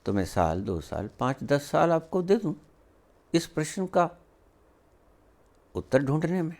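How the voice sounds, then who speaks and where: Slow, emphatic spiritual teacher, man. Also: on the high side, big pitch swings, gravelly, darkish tone. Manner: rhetorical questions, scolding and emphatic; slow with long pauses. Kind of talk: spiritual discourse.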